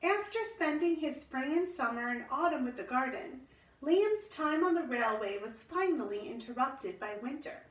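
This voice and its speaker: A woman reading a children's storybook aloud in an expressive, measured storytelling manner. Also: high-pitched. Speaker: storybook reader. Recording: roomy echo, distant microphone.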